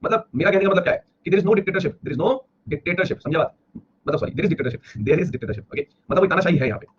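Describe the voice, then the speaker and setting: A man teaching history in a classroom lecture, explaining rapidly and repeating himself, with an Indian accent. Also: sits high, animated, a little hiss or hum. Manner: rapid, repetitive explaining, slowing to read English lines aloud. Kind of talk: classroom lecture mixing Hindi and English. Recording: dull lo-fi classroom recording with faint ambience.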